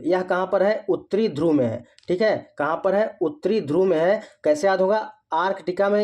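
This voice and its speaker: A man's voice: high-pitched, darkish tone. A young man with a North Indian accent, teaching exam memory tricks. He keeps asking questions and answering them himself, repeating each point.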